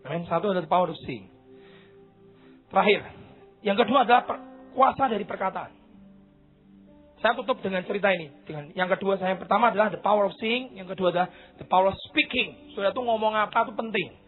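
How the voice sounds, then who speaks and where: A man preaching a sermon, telling stories animatedly, acting out the dialogue and shouting at the high points. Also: fairly quick, long pauses. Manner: animated storytelling, acts out dialogue, shouts at climaxes. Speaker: pastor. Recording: tinny phone-like sound with faint music.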